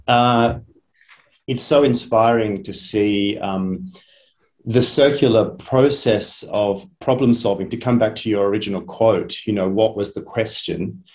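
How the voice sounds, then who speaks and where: Male webinar speaker, casual and rambling, fairly low-pitched. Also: unhurried, darkish tone. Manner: chatty, hesitant with many ums. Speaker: head of a media academy. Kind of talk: webinar presentation. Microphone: video call.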